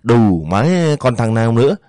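A man's voice: medium pitch, moderate pace, a little mellow, no echo, studio quality, close to an everyday voice. A man doing a sneering brutal soldier. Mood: menacing. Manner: threatening, taunting. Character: brutal male soldier thug, sneering and menacing.

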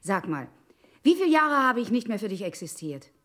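An actress playing a sharp-tongued estranged wife in a stage play, sarcastic and biting, quickly swinging between scolding and mockery. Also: female voice, medium pitch, very animated. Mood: scornful.

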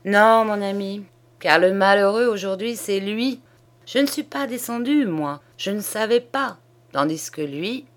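A woman's voice: mid-range voice, measured pace, voice pushed up, close to an everyday voice. Woman voicing an earnest young lawyer. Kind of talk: audiobook character reading.

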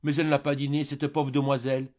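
A man's voice: medium pitch, sing-song, a little slow, breathy edge. A man voicing a timid but indignant elderly boarder in an audiobook, in a plaintive tone. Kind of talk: audiobook character voice. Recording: muffled lo-fi recording.

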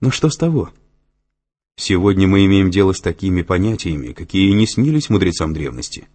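A man with a husky voice, reading an audiobook, puts on a higher, quicker voice to play a skeptical young woman scientist. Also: big pitch swings, darkish tone. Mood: challenging.

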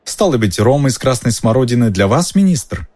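A man voicing a chatty, curious middle-aged female innkeeper in a raised, softened voice, reading an audiobook. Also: medium pitch, big pitch swings, normal speed, dry recording, voice pushed up. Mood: friendly. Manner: gossipy, curious, lilting. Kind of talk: audiobook character voice.

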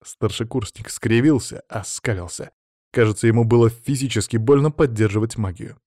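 A man's voice: mid-range voice, no room sound. Man narrating an audiobook, dry close voice. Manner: steady, measured storytelling. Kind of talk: scripted narration.

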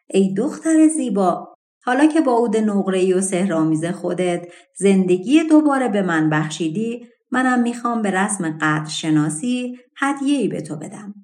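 A generous, grateful king from a storybook, read by a woman. He presses his questions eagerly and coaxingly. The voice stays at an everyday pitch. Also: expressive, darkish tone, close to an everyday voice. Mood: warm, coaxing.

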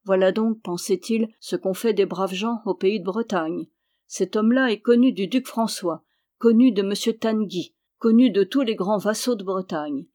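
A shrewd, scheming male traveler, read by an audiobook narrator. He is politely guarded, with a quiet scorn underneath. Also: mid-range voice, normal speed, lightly acted. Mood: scornful. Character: shrewd scheming traveler, a royal barber's valet. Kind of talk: audiobook character reading.

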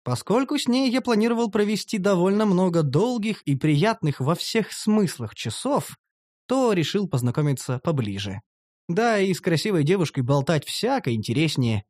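A man's voice: a little high, darkish tone, no room sound. A man narrating a comic fantasy audiobook in the first person, in a sardonic, mocking manner on a close studio mic.

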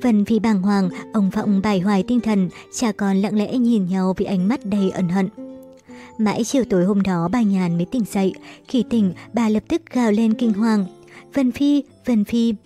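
A woman narrating a novel as an audiobook in a steady, measured way. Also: mid-range voice. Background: faint music.

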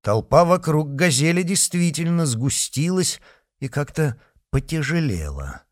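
Male narrator, audiobook, lively intonation, dry close sound. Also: mid-range voice, normal speed, no echo. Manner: expressive, voices characters.

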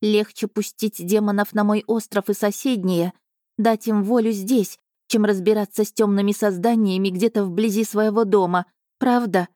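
An ancient female spirit of an island pleads in a slow, solemn audiobook voice, put on by a woman narrator. The tone is mellow and dark, recorded close and dry. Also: mid-range voice, fairly even intonation, no room sound, lightly acted. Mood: solemn earnest. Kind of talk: audiobook reading.

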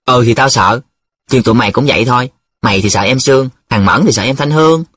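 A man voicing a cocky, teasing young male student who jokes in a sing-song way, with a husky voice. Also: mid-range voice, fast, fairly bright tone, dry recording. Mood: boastful.

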